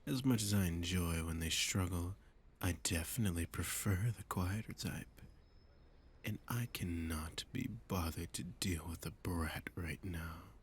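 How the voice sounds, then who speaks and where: In an ASMR roleplay, a man voices a flirty, menacing masked villain, his low voice breathy, husky and frequently whispered. He is domineering, teasing and condescending at a measured pace, smug and menacing, with a faint hiss or hum on the recording.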